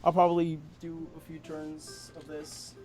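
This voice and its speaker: A man's voice: fairly high pitch, monotone, a little mellow, faint music behind. A man narrating a tabletop role-playing game as game master, hesitating often with ums and uhs. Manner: slow, halting narration full of ums and uhs.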